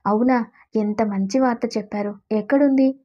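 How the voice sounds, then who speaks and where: A woman's voice: a little high, steady tone, normal speed, natural voice. A woman voicing an eager middle-aged woman in a storybook drama, on a dull lo-fi recording.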